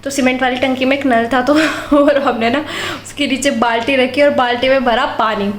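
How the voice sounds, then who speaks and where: Young woman, home vlogger, high bright voice, giggly storyteller, echoey room, faint hiss. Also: fairly even intonation, normal speed. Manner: giggly, chatty, breaks into laughter telling stories. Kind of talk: casual vlog chat and storytelling. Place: home, kitchen.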